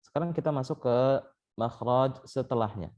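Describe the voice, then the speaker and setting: A young adult man teaches tajwid as a Quran recitation teacher in an online class, speaking through a call mic at a medium pitch and normal speed. His tone is darkish and the sound lo-fi, and he explains step by step, often saying "eh" and "baik."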